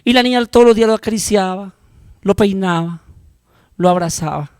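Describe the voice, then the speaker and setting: Impassioned high-voiced Colombian preacher. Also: male voice, fairly quick, clean tone, dry recording. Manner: impassioned preaching, swinging from hushed to loud. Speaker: pastor. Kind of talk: sermon.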